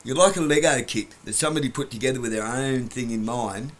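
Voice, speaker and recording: At home on a couch, a man with a mid-range voice talks fast through a blunt, rambling vlog lecture. He often trails off mid-word and laughs at his own remarks.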